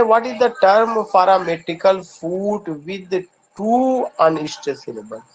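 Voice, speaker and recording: High-voiced Indian man teaching. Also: highs cut off, a little hiss or hum. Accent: Indian English. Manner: asks questions and answers them himself, repeats key points. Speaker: English teacher. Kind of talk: online exam-prep lesson.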